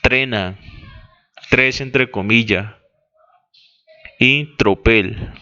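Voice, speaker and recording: A man reading a text aloud as dictation, deliberately spelling out words and correcting his own slips. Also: mid-range voice, sharp tone. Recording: dull lo-fi recording.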